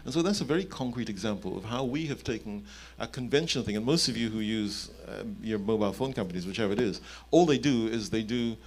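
A company chief executive in his fifties talks fast and expressively in a fairly low voice, barely pausing. He's on a panel at an indoor conference event, holding a microphone on stage and explaining concrete points.

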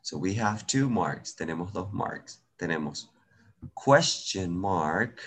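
Husky-voiced Venezuelan man teaching online. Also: deep voice, animated, measured pace. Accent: Venezuelan Spanish. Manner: bilingual, switching between Spanish and English, patient and encouraging. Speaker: English teacher.

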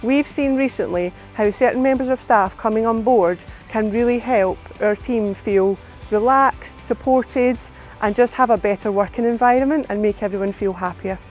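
A woman's voice: on the high side, normal speed, a little mellow. Upbeat woman, HR manager. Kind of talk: filmed workplace interview. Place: outdoors in front of a hotel. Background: background music.

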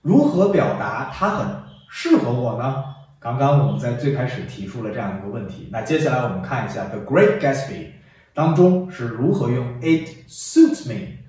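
A man's voice: medium pitch, sing-song, normal speed, a little mellow. A man teaching an English lesson, drilling phrases for the viewer to repeat and praising with "very good". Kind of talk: classroom-style English lesson. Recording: echoey room, distant mic.

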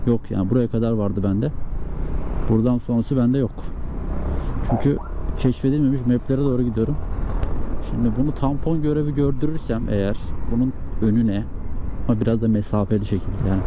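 A man chats casually and playfully to viewers from inside a motorcycle helmet as he rides, rambling and thinking aloud in slangy speech. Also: mid-range voice. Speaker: motovlogger. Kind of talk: casual joking chat to viewers while riding. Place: inside a motorcycle helmet, riding outdoors on highways. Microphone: helmet microphone. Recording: muffled helmet mic, loud road and engine noise.

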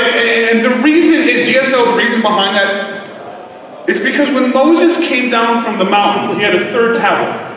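A man giving a conference talk to a live audience, joking and tossing quick asides to the crowd. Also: sits high, sharp tone. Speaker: conference speaker. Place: large conference hall. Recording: echoey hall from far off.

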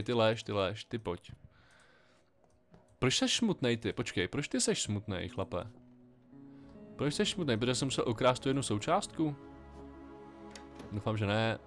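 Man, mid-pitched voice, wry chatty game commentary, faint music behind. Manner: thinking aloud, chatty and wry. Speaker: let's play gamer.

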